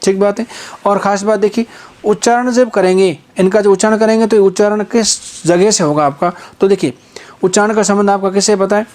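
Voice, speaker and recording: A man's voice: high voice, fairly even intonation, a little mellow. A man is teaching a phonetics class for exam students. He keeps asking rhetorical questions and stretches out the sounds he uses as examples. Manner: repetitive rhetorical questions, drawn-out vowel examples. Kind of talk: exam-prep phonetics lesson.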